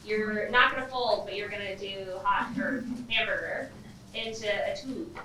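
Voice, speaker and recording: A woman's voice: medium pitch, unhurried, pushed and bright, a little hiss or hum. A woman giving chatty, loose craft instructions to a group, with many "like"s. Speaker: craft activity leader. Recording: echoey room, far from mic, crowd chatter.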